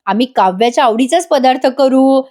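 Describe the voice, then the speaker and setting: A woman reading the lines of an overjoyed older father-in-law in a television serial review, loud and bossy. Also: high-pitched, a little fast, natural voice.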